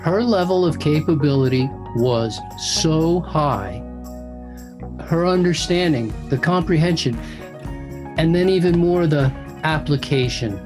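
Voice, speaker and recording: A man introducing his former student with warm praise. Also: a little high, a little slow, over music. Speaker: mentor and show host. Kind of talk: introduction speech.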